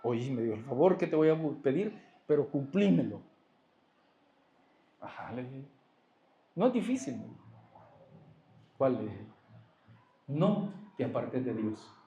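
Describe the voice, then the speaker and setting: A man's voice: mid-range voice, big pitch swings, unhurried, long pauses, warm tone, highs cut off. A man giving a church testimony, telling his story and acting out both sides of a conversation. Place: church hall. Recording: echoey church hall.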